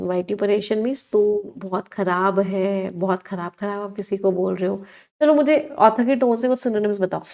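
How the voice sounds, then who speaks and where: A woman's voice: medium pitch, darkish tone. Woman teacher, exam-prep vocab lesson, mixes Hindi and English, quizzes the class. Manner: explains words in Hindi mixed with English, asks the class questions.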